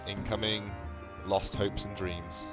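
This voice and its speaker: A man's voice: fairly low pitch, fairly even intonation, slow. A man giving casual live card game commentary, thinking aloud and repeating phrases as he works through options. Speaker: esports commentator. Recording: game music with guitar behind. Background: game music with guitar.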